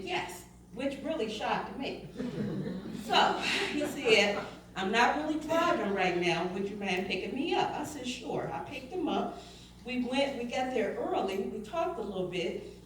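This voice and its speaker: A woman's voice: a little high, slight background noise. Middle-aged woman, church testimony, storytelling with quoted dialogue, far from mic, faint room ambience. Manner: storytelling, quoting others in dialogue. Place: church sanctuary. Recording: echoey church hall from far off.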